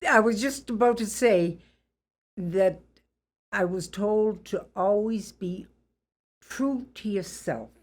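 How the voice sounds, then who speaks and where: Looking back on her life during an interview, this older Boston-area woman keeps things plain-spoken, deliberate and good-humored. Her voice has a medium pitch and a distinct Boston accent.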